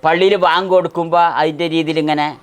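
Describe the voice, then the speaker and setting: A man's voice: a little high, flat delivery, fast talker. A man, an uncle caring for his nephew, answering interview questions in a plain, easygoing way. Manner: plain-spoken, coaxing the boy gently. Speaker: uncle and caregiver.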